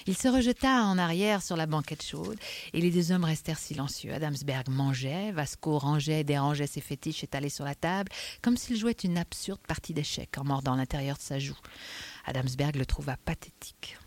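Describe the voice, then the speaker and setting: A woman narrating a novel aloud in a quiet, subdued, measured way. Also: low-pitched. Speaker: audiobook narrator.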